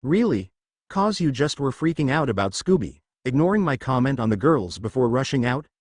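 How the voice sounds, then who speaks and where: A man's voice: medium pitch, sing-song, normal speed, dry recording. A man voicing a frank, caring teenage boy ninja in a spoken storybook, talking in a dry tone. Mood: earnest.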